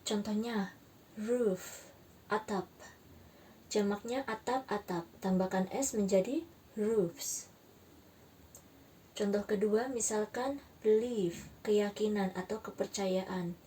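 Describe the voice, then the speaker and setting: A woman teaching an English grammar lesson, slowly spelling out letters and repeating each example word. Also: medium pitch, mellow, far from the mic, slight background noise. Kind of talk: slow, careful grammar lesson.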